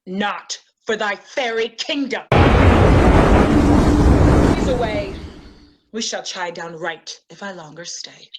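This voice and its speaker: A woman's voice: medium pitch, takes it slowly, long pauses, noisy background, natural voice. A woman playing a proud, defiant fairy queen in a hammy, declamatory Shakespearean stage style. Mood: cool, defiant. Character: proud, defiant fairy queen, scornful of her jealous husband.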